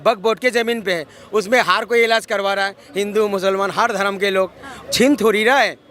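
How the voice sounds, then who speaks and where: A man with a strikingly high, bright voice argues his point in a street interview. He keeps cutting in to be heard, pressing and insistent. He is recorded outdoors on a city street. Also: fairly even intonation, brisk. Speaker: interviewee in street vox pop. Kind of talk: heated street debate.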